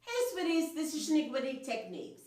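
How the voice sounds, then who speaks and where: A woman's voice: sits high, very animated, fast talker, a little mellow. A woman in her fifties hosting a casual chat with friends, upbeat and chatty. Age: 50s. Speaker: channel host. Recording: echoey room, voice from far off.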